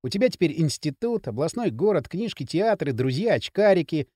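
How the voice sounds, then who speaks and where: Man doing young village lad, shy, bitter, clipped hurt replies, mellow dark voice. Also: fairly high pitch, sing-song, brisk, no room sound, clean studio sound. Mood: hurt, sulky.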